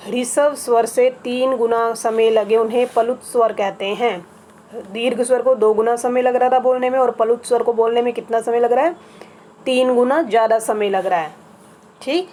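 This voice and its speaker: A woman's voice: fairly high pitch, darkish tone, slight background noise. A woman teaching a grammar lesson to children, explaining patiently and repeating each item one by one. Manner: patient, spells things out slowly with repetition.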